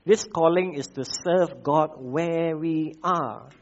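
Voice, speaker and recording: A man with a Malaysian English accent preaching a sermon, repeating key phrases and pausing with frequent "uh" fillers. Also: a little high, lo-fi sound. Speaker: pastor.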